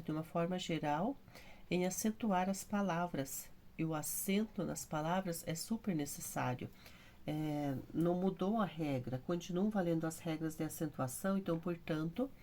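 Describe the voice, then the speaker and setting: A woman's voice: on the low side, darkish tone, a little hiss or hum. A woman with a Brazilian Portuguese accent teaching a classroom lesson, explaining patiently step by step.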